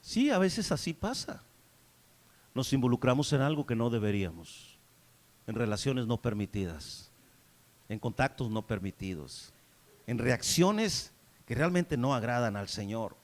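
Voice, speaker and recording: A man preaching a sermon, shifting between loud, pleading prayer and quiet, hushed storytelling. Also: mid-range voice, very animated, unhurried, pauses often, long reverb tail. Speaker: pastor.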